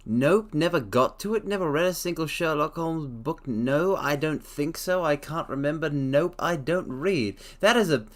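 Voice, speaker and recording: Chatting casually on a live stream, this man has a fairly high, animated voice and a moderate pace with few pauses. He plays it theatrical, addresses his audience as mortals, and hums quietly between lines.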